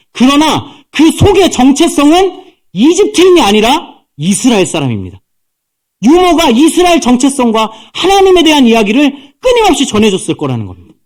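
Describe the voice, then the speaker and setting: Man, pastor, sermon, lively pitch, animated storytelling, fairly high voice.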